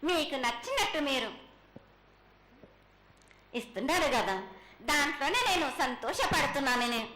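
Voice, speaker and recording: Woman, prophetic trance utterance, very high piercing voice, halting declamation, echoey space. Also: animated, bright, forceful tone. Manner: halting, repetitive, declamatory prophetic trance voice, addressing listeners as children. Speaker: oracle delivering a festival prophecy as the goddess. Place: live temple ceremony with ambient noise behind. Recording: echoey, faintly noisy live ceremony sound.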